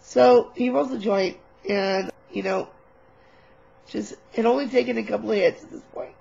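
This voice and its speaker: A woman vlogger telling a personal story in a casual, animated, candid way, swearing now and then, on a webcam mic. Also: on the high side, moderate pace, gravelly, breathy edge, highs cut off.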